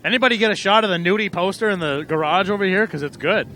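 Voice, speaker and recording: A man with a high, sharp voice calls a live race outdoors at a small racetrack. He is loose and irreverent, swears freely, and gets excited as the cars tangle. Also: fast talker, slight background noise. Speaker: race announcer.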